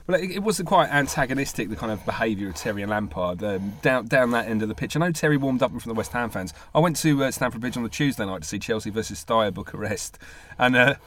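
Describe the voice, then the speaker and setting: A man's voice: medium pitch, animated, fast, few pauses, a bit bright. Guy hosting a footy chat, keeps asking the others stuff, faint noise behind. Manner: steers the talk with questions. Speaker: podcast host. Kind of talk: casual chat.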